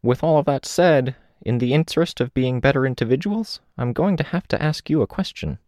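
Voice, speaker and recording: A man's voice: medium pitch, fairly quick, darkish tone, dry recording, clean studio sound, pitched above the performer's own voice, natural voice. A man voicing an earnest, chatty old woman on a train who rambles and confides.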